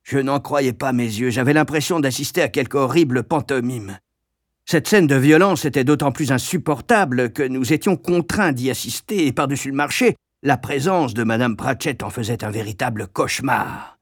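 A man narrating an audiobook in a measured, grave storytelling manner. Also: mid-range voice, no echo, clean studio sound.

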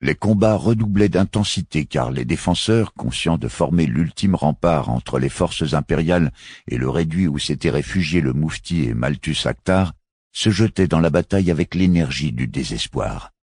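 A man reading a science fiction novel aloud in steady, measured narration. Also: rumbling low, slightly rough, no room sound, studio quality. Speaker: audiobook narrator. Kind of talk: scripted narration.

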